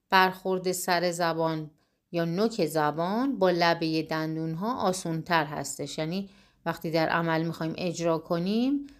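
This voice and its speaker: Low-voiced woman teaching recitation. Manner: clear, patient explanation with slow drilled syllables. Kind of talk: step-by-step spoken lesson.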